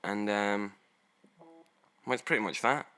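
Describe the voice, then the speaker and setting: A man's voice: fairly low pitch, measured pace, bright, forceful tone, clean tone. A man co-hosting a podcast in casual chat, joking, laughing often and swearing. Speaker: podcast co-host.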